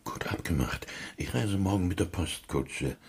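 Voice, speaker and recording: A man's voice: deep voice, moderate pace, breathy edge, full character voice. An actor playing a businesslike male banker in a radio play, hesitant with fillers.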